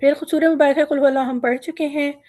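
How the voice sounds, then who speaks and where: A woman teaching Quran recitation, reciting verses slowly and drawn out, then patiently explaining how each letter is pronounced step by step. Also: high voice, steady tone, darkish tone, no room sound, clean studio sound. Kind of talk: online recitation lesson.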